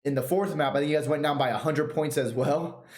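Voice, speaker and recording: A man hosting a casual podcast chat, talking in a relaxed, chatty way as he recaps past matches. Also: on the high side, a little fast, echoey room. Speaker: podcast host.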